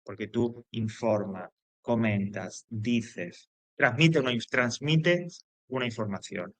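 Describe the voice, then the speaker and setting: A man's voice: medium pitch, takes it slowly, fairly bright tone, dry recording. A man teaching a grammar lesson, explaining with repetition and frequent check-ins with his students. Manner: loose, hesitant phrasing with fillers and restarts.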